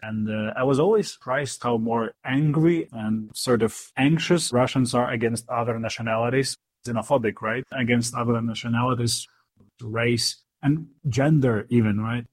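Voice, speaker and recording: Husky-voiced Ukrainian man, earnest. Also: medium pitch, normal speed, no room sound. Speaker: guest, news outlet founder. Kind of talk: interview answers.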